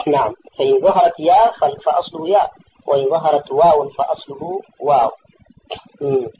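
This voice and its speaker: A man's voice: on the high side, brisk, warm tone, dull audio, a little hiss or hum. A man teaching a classical grammar text, patiently explaining points and correcting his student. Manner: patient, repeats and corrects the reader, asks checking questions.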